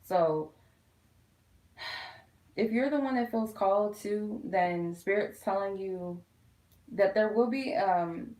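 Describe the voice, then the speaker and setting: She has a mid-range, darkish voice and talks slowly, pausing often, as she does an informal tarot reading for viewers on a home live stream. The quiet room sounds echoey, and she keeps things chatty, referring to everyone as "you guys."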